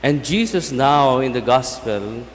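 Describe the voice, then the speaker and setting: Slow Filipino priest in an echoing church. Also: male voice, mid-range voice, lively intonation. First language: Cebuano. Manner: measured, solemn delivery with pauses between short phrases. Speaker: priest giving a homily. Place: large church, speaking through a sound system. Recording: long basilica echo, some background noise.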